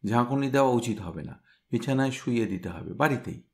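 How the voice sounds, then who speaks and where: A man reading a story aloud, voicing a brisk male doctor giving instructions. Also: mid-range voice, lively intonation, lightly acted. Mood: clinical.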